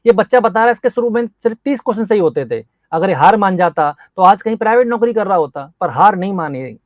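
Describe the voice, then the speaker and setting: A man's voice: high voice, expressive, fast talker, no echo. Encouraging male coach, dry close sound. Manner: earnest, encouraging, speaks like a teacher. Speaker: nursing exam coach interviewing a topper. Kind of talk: motivational interview.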